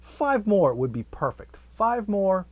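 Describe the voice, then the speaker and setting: A man's voice: high voice, slow pace, dry recording, voice pushed up, heavily acted. A man putting on a giddy, astonished guy whose voice jumps well above his usual register. He sounds eager and disbelieving, in a dry, close recording. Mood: amazed, eager. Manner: excited, disbelieving.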